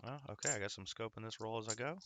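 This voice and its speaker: A man's voice: lowish voice, fast, noisy background. A man hosting a coin-hunting livestream, chatting casually and greeting viewers by name as he works through rolls. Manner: chatty, talks to viewers by name while working.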